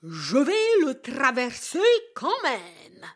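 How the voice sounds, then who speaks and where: A woman voicing a big, bold billy goat who speaks firmly and loudly. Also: sits high, huge pitch swings, drawn-out words, heavily acted. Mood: defiant.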